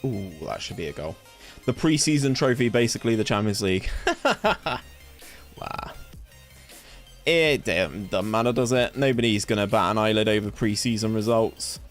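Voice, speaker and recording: It's summer and a fan hums in the home room where a young West Country English gaming streamer casually chats and reacts to his chat mid-game. His voice is fairly low, his pace moderate, and faint music sits in the background.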